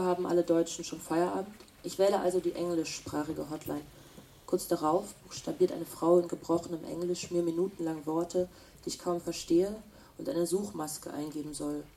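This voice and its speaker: A woman playing a calm, reflective traveler. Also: on the low side, far from the mic, slight background noise, natural voice. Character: reflective female traveler on a flight. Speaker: traveler telling her story.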